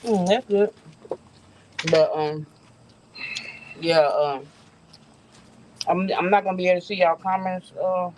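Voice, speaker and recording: A woman's voice: lowish voice, steady tone, unhurried, long pauses, a little mellow, slight background noise, poor audio. A woman vlogging outdoors, chatting casually to her viewers with lots of fillers and easy laughs. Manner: rambling, laughs often, many fillers. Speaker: vlogger host.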